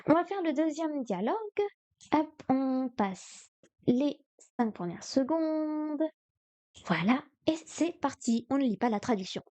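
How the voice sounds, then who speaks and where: Woman, fairly high voice, mellow tone, dry close sound, live-stream study session, hesitant thinking aloud. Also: animated, a little slow, no echo. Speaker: streamer learning Chinese.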